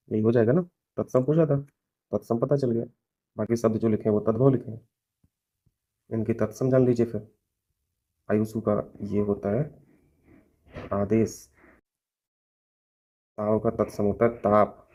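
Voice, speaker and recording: Here a warm, fairly low male voice leads a Hindi grammar class for exam preparation. The coaching teacher explains mock test questions step by step and repeatedly checks in with "theek hai" and "hai na."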